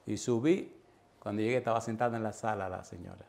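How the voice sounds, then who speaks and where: A man's voice: lowish voice, steady tone, fast talker, vocal fry, crowd noise. A man preaching an evangelistic sermon, telling a personal story with animation and putting direct questions to his listeners. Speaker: pastor. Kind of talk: evangelistic sermon with altar call.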